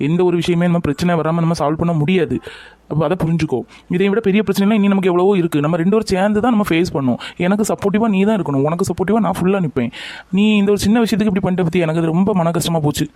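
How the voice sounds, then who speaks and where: A man's voice: high voice, racing, darkish tone, no room sound. A young man in a scripted romantic drama, talking with reproach and coaxing. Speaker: lover in a family skit.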